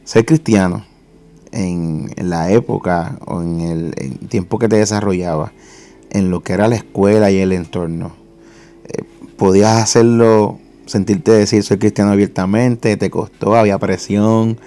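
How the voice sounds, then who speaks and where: Gravelly, low-voiced man hosting a faith show. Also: fairly even intonation, dark tone. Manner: fervent religious greetings, measured questions. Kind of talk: faith interview.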